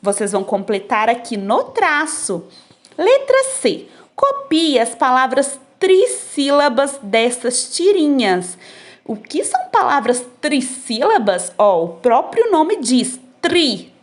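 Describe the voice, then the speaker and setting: Woman teacher, high bouncy voice, slow and patient explaining for kids. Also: big pitch swings. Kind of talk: recorded lesson explaining textbook exercises. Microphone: phone recording.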